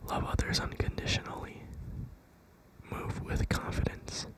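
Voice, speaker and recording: Young adult ASMR creator, fully whispered pep talk, gentle, reassuring and unhurried delivery. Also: poor audio. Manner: whispering throughout.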